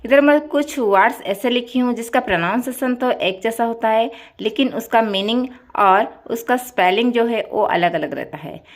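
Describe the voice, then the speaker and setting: Woman, young adult, English teacher, fairly high voice, spells words letter by letter, asks and answers her own questions. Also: normal speed, hardly any pauses. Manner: asks the class questions and answers them herself. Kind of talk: classroom lesson explaining words.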